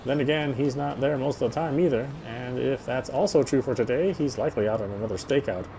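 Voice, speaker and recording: A man streaming a visual novel reads its narration aloud with remarks of his own, occasionally faltering over a line and repeating himself. The medium-pitched voice is mellow and a little fast. It's a low-quality recording with slight background noise.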